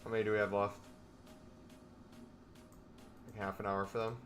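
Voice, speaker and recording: Speaking at a racing clip in a low-ish, level, fairly bright voice, this young trading streamer chats casually with his viewers while faint music plays. He's settled into a gaming chair in a small room.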